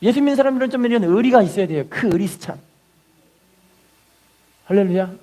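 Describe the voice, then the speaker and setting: A man's voice: animated, a little fast, warm tone. A man preaching a sermon to his congregation, leading call-and-response and crying out prayers as he tells them. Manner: cries out acted prayers at a high pitch. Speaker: pastor. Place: church sanctuary.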